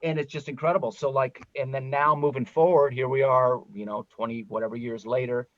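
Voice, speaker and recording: A man's voice: medium pitch, steady tone, fairly quick, fairly bright tone, dry recording. A man speaking in a plain, mid-range voice, earnest and reflective as he tells a personal story. The recording is dry and a little dull, with no room sound. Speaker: podcast host, musician. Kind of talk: casual conversational storytelling.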